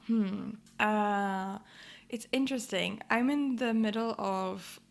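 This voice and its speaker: A woman from Greece, a podcast guest who speaks thoughtfully with many pauses and ums. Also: mid-range voice, gravelly. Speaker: guest, life coach and yoga teacher. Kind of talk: podcast interview.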